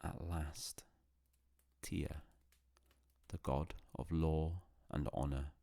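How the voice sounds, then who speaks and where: Male sleep-story narrator: gravelly, close and dry, calm, solemn, hushed delivery with long pauses. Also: a bass voice, no room sound.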